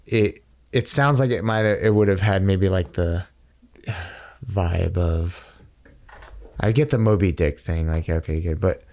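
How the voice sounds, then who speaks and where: A man's voice: low-pitched, unhurried, a little mellow. A man co-hosting a podcast, chatting casually in a rambling way with dry jokes. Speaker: podcast co-host. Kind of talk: casual chat.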